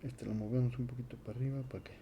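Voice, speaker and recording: Relaxed man teaching at a board. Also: mid-range voice, rapid-fire, background noise. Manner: relaxed, conversational, with many fillers. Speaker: Latin teacher. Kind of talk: casual classroom lecture at a board.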